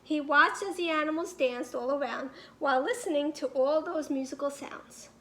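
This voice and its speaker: Speaking in a high register, this woman narrates a kids' picture book with animated emphasis and deliberate delivery, much like a classroom teacher would.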